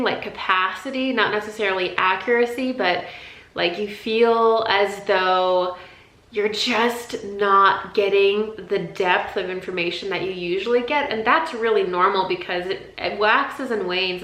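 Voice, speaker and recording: Bright-voiced woman in an echoey room. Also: mid-range voice. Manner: rambling, conversational, repeats words and restarts. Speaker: intuition teacher. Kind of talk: casual spiritual teaching talk.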